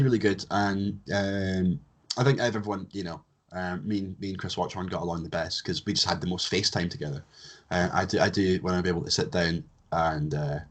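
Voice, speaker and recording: Young guy hosting a chill podcast, lowish voice, cracks jokes, swears a lot. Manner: joking, swears freely. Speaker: podcast host. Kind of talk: casual podcast chat.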